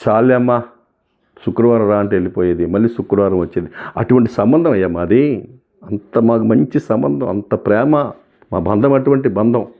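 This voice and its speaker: Man, low-ish voice, testimony speaker, emotional storyteller, phone-line sound. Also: moderate pace. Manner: emotional storytelling, acting out quoted voices with rising pitch. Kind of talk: personal testimony.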